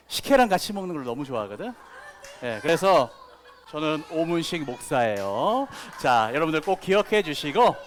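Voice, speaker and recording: A man giving a children's sermon as pastor, telling playful stories with sound effects and asking the kids questions. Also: a little high. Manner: talks directly to children with questions.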